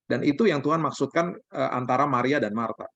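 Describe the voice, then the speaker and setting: A man, a pastor, preaching in a relaxed, conversational way over a video call. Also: mid-range voice, fairly quick, no echo. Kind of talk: sermon-style sharing over video call. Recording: dull lo-fi video call audio.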